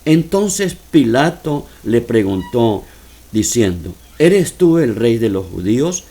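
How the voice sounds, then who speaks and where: A man preaching a sermon, reading scripture slowly and explaining it to his listeners, whom he calls dear friends. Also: mid-range voice, sing-song, warm tone, slightly rough. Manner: slow deliberate reading with emphatic rises.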